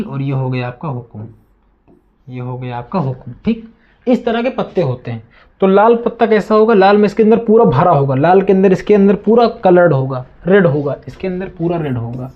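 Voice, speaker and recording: A man with a voice on the high side teaches a maths lesson in a classroom, and the recording has its highs cut off. He asks the students questions and answers them himself, repeats a lot, and addresses the students as children.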